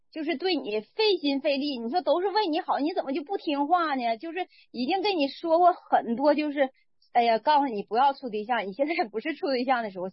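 A woman's voice: high-pitched, slightly rough, dry recording. A woman in her forties with a Northeastern Mandarin accent gives an earnest, emotional and rambling personal faith testimony. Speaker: church member giving a testimony. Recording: dull lo-fi dry recording.

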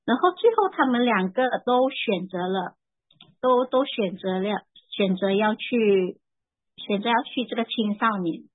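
A woman in her forties giving an earnest, emotional personal faith testimony, halting and repeating her words as she tells it. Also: mid-range voice, expressive, no room sound. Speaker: church member giving testimony. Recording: tinny phone-like dry sound.

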